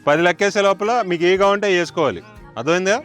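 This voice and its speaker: High-voiced man hosting a village game. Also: lively intonation, fast, faint music behind. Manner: shouts the counts loudly, jokes with villagers. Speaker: game show host. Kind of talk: lively outdoor game hosting, counting aloud. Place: village outdoors.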